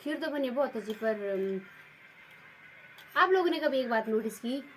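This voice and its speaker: A woman's voice: on the high side, expressive, normal speed, fairly bright tone, soft background music. A woman with a Himachali Pahadi accent, chatting to her viewers as a village vlogger in a rambling way full of fillers. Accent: Himachali Pahadi Hindi. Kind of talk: casual chat to viewers.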